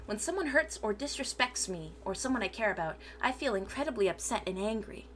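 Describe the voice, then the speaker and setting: A woman's voice: a little high, animated, brisk, a bit bright, a little hiss or hum. A woman VTuber reading a transcript aloud for her stream, sometimes stumbling over words and correcting herself.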